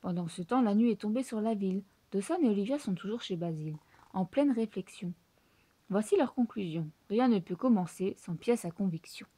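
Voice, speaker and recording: A woman reading a children's book aloud in French with lively, expressive storytelling. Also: mid-range voice, a little fast, breathy edge, no room sound. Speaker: storybook reader.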